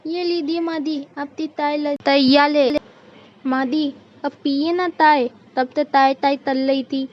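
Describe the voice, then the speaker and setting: A woman's voice: high voice, steady tone, slow. A woman voicing a young daughter-in-law in a cartoon who speaks with a heavy childlike lisp, timid yet answering back. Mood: pleading. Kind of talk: cartoon voice acting. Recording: dull lo-fi recording.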